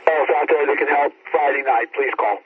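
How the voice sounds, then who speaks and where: A man's voice: a little high, fairly even intonation, normal speed, husky. A man running an amateur radio net as net control operator, heard over a static-laden radio channel as he reads back call signs and calls for check-ins. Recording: tinny radio transmission with crowd noise.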